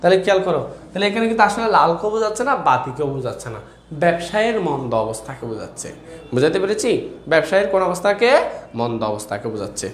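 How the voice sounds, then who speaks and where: A male grammar teacher giving an online class, drilling students with repeated questions, tired and dry-throated from fasting. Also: fairly high pitch, big pitch swings, roomy sound, slight background noise.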